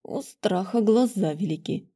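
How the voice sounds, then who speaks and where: A woman's voice: mid-range voice, expressive, measured pace, mellow, breathy edge. A woman reading an audiobook, voicing an exhausted male magister muttering to himself. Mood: weary. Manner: tired, muttering. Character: weary, drained male academy magister.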